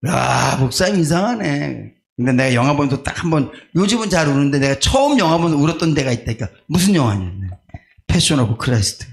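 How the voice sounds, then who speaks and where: Korean pastor preaching with big swings. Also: male voice, on the high side, expressive, quick pace, gravelly. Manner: swings from quiet storytelling to shouted exhortation. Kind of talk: sermon. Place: church sanctuary.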